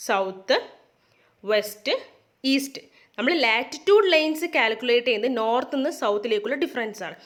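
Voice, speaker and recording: A woman's voice: a little high, fairly bright tone. A woman teacher explains a lesson, mixing in English terms and asking questions that she answers herself. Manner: mixes English terms into her speech.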